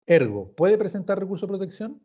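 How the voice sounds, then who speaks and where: Lecturing informally in an online class, a Chilean-accented law professor speaks in a high, mellow voice that is very animated and brisk. He is didactic, repeats words for emphasis, and poses questions then answers them himself. The recorded meeting's audio is dull and muffled.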